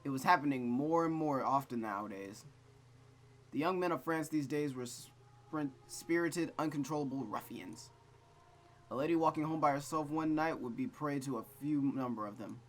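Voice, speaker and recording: A man hosts a let's play, reading a visual novel aloud and breaking off into rambling, self-deprecating commentary with frequent stammering. His voice is on the high side at a moderate pace, and there's a little hiss or hum in the recording.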